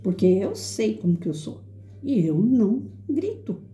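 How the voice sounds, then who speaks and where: A middle-aged woman teacher speaks to an audience in a firm, clear voice that carries. Her tone is very dark and mellow, and the room adds a roomy echo. She sometimes acts out quotes in shrill, high voices. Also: big pitch swings, a little slow. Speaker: teacher and educator. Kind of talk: reflective talk to an audience.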